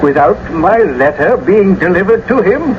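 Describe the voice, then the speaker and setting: An actor playing an anxious, devout friar in a classical radio drama. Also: male voice, sits high, animated, normal speed. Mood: urgent. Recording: muffled, noisy old radio broadcast.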